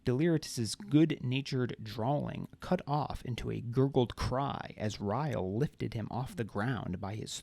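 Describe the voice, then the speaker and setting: Man narrating a fantasy novel, gravelly, mid-pitched, dry close mic. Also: a little mellow, no room sound. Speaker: author reading his novel. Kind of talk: audiobook narration.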